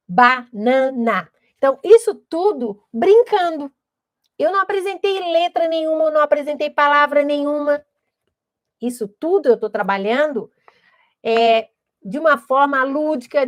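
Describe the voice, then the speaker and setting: Lady teacher explaining stuff, high voice, dry close mic, keeps going "né?". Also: no echo. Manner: didactic, checks in with "tá?" and "né?". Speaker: literacy educator.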